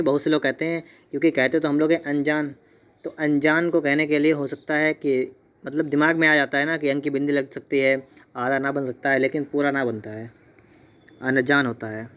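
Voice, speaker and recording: A male Hindi teacher from India, giving an exam-prep lesson. He spells words out slowly and keeps checking in with his students. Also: on the high side, fairly bright tone. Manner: repeats "theek hai" and "dekhiyega", spells words out slowly.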